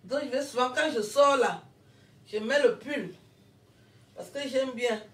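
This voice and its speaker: A woman talks slowly and casually in an unboxing vlog, breaking into frequent exclamations and repeated thanks. Her voice sits back from the mic, and a roomy echo hangs around it. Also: high voice, recorded from a distance. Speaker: vlogger and comedian.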